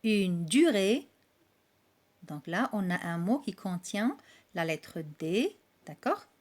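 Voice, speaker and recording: A woman's voice: on the low side, big pitch swings. A woman teacher giving a reading lesson for young children, sounding out syllables one by one and checking in with the class. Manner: slow and deliberate, spelling out syllables and checking with "d'accord?".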